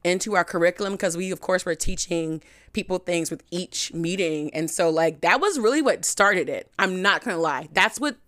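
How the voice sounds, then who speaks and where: A young woman hosting a podcast, telling a candid personal story in a frank, chatty way, full of "like" and animated swings in pitch. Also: moderate pace, few pauses, dry recording, studio quality. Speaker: podcast host.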